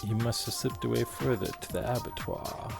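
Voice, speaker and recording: A man voicing a scheming male smuggler gang boss from a game, reading the lines aloud in a rough put-on drawl. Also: medium pitch, moderate pace, over music.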